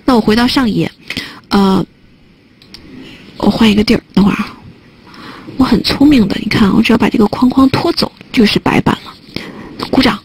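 A woman's voice: fairly high pitch, brisk, pauses often, darkish tone, slight background noise, rough recording. A woman teaching a test prep listening class online, chatting and joking as she types notes on a whiteboard. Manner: chatty, joking aside while typing on a whiteboard.

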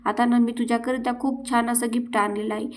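A woman doing a domineering rich grandmother, scolding and accusing in a slightly high voice that barely rises or falls, lecturing like the house is hers alone, close to her own everyday reading voice. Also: little pitch movement, brisk, lightly acted. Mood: sweetly false. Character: haughty, furious wealthy grandmother, domineering matriarch.

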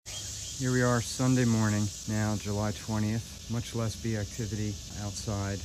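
Male beekeeper, lower voice, matter-of-fact phone vlog outdoors, bees buzzing clearly behind him. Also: flat delivery, unhurried, background noise. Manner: plain, matter-of-fact, talking to camera while handling hives. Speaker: beekeeper vlogger. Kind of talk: casual narration while working. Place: outdoor backyard deck. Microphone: phone camera held or nearby. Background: buzzing bees around.

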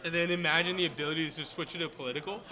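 A man gives relaxed, chatty commentary on a card game match, speaking a little high for a man and tossing in quick agreements. He trips over a word now and then. A game store crowd murmurs clearly behind him. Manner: chatty, quick agreeing interjections, some stumbling.

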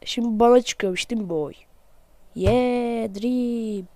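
A man giving excited let's-play commentary, joking and talking to himself as he plays. His voice sounds off because he is sick. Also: very high voice, measured pace, no echo. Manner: playful, excitable, jokey, talks to himself while playing; self-mocking. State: voice off from being sick. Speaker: gamer, channel host.

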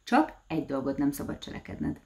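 Egy ravasz, gúnyolódó ördög egy mesekönyvből, akit egy nő szólaltat meg: harsány, élénk csúfolódással szól, kissé magasabb hangon. Sértegetve, mégis barátkozva beszél. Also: female voice, very deep voice, big pitch swings, slight background noise, exaggerated voice. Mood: sly. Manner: taunting, name-calling, loud outbursts. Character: sly mocking male devil, insulting yet friendly.

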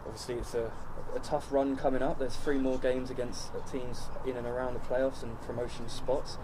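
A man's voice: mid-range voice, level tone, normal speed. A man interviewing a player for a club channel after a match, outdoors at a ground at night, padding leading questions with "you know" and "obviously". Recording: outdoor noise behind.

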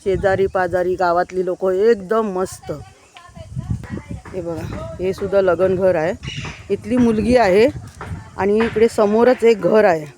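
A woman's voice: medium pitch, steady tone, measured pace, pauses often, dark tone, slight background noise. A married woman vlogging outdoors among village gardens, chatting to viewers as she films on her phone and keeps pointing things out. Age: adult, married. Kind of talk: casual walking tour vlog.

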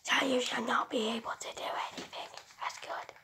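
A woman voicing a creepy, deadpan robot servant in a flat, whispered monotone. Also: on the high side, a little fast. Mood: menacing deadpan.

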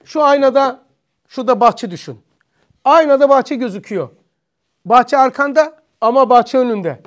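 A man's voice: very high voice, moderate pace. A Turkish-accented man teaching an informal religious study class, thinking aloud and asking himself questions.

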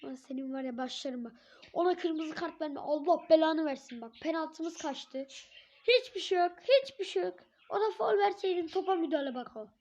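A hoarse woman giving live gameplay commentary, swearing and yelling at the referee in frustration. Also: very high-pitched, normal speed. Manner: shouts at the referee, curses and rants in frustration. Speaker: gamer. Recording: dull lo-fi recording.

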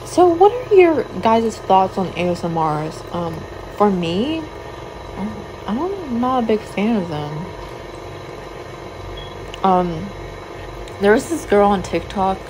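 A woman's voice: mid-range voice, sing-song, takes it slowly, pauses often. A young woman vlogging casually while she cooks at home, rambling with lots of "like" and "um". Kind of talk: casual chat while cooking. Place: home kitchen. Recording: noisy home recording.

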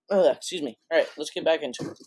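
Teen gamer, voice cracking, excitable, slightly high pitch, unhurried, noisy track with mouse clicks. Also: male voice. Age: teens. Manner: excitable, blurting reactions. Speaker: gameplay commentator. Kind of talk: casual gameplay commentary.

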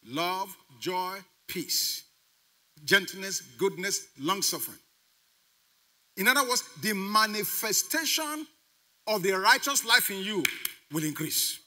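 Preaching slowly with long pauses, a man serving as pastor uses a high, sing-song voice that is bright and forceful. He emphatically repeats key phrases and tests the congregation through call-and-response questions.

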